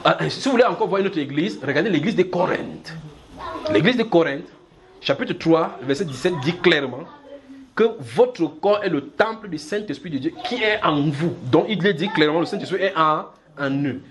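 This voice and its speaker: A male preacher delivers a sermon to his congregation, his voice sitting a little high for a man. He is animated and demonstrative, acting out small scenes and checking again and again that his listeners follow him. The recording is made in a church. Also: moderate pace. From Cameroon.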